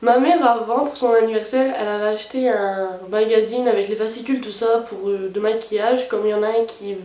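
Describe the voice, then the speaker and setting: With a slightly high, steady, dark-toned voice, this beauty vlogger moves briskly as she describes her makeup routine, sounding casual, unsure, and full of fillers. She's recorded from a distance by a set-back camera mic, so the sound is roomy.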